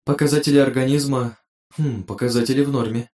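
A man voicing a calm female AI assistant in an audiobook, giving flat, matter-of-fact status reports. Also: mid-range voice, a little fast, pitched above the performer's own voice, close to an everyday voice. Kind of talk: audiobook character voice.

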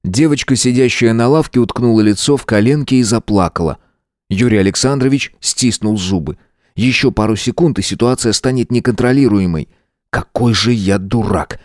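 A man reading an audiobook in a steady, measured narration. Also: mid-range voice, dry recording, clean studio sound. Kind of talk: scripted narration.

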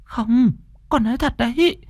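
A man's voice: extremely high pitch, measured pace, a little mellow, no echo, clean studio sound, pitched above the performer's own voice, exaggerated voice. A man doing a stammering frightened young woman. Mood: frightened pleading. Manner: stammering, pleading.

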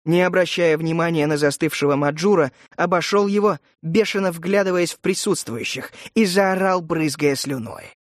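Brief: male audiobook narrator, measured delivery, slightly high, dry studio sound. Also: dry recording.

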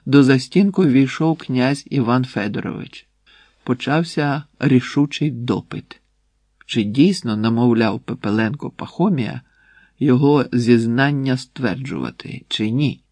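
Husky man reading a grave tale. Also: mid-range voice, darkish tone, no echo. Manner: measured, grave storytelling. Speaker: narrator. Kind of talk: audiobook reading of a historical tale.

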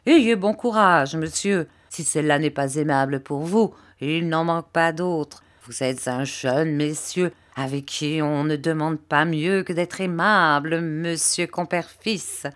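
A woman's voice: low voice, unhurried, few pauses. A woman reading a fussy, nosy, motherly landlady in an audiobook, sentimental and insistent, repeating herself. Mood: coaxing.

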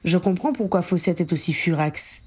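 A dry, self-mocking grown wizard who brushes off trouble with sarcastic understatement, read by a woman in her own fairly low voice. The lines come from an audiobook of a fan story. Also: normal speed, a little mellow, slightly rough. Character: Harry, grown man, wry and self-mocking auror. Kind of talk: audiobook reading.

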